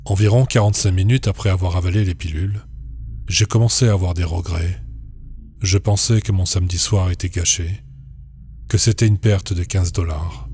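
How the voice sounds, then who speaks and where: A man reading a horror story aloud as a steady, measured narrator. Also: sits low.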